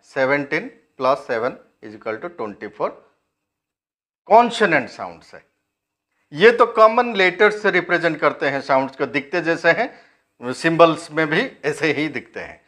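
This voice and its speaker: A man's voice: a little high, expressive, fairly bright tone. A man with an Indian accent teaching a phonetics lesson, explaining step by step and quizzing his learners. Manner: explains step by step, asks the class questions and answers them; switches between two languages, reads English text slowly.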